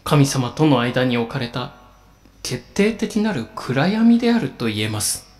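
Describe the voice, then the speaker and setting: A man preaching a sermon as a pastor, in a slow, solemn and measured delivery with emphatic pauses. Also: mid-range voice, big pitch swings, a little mellow.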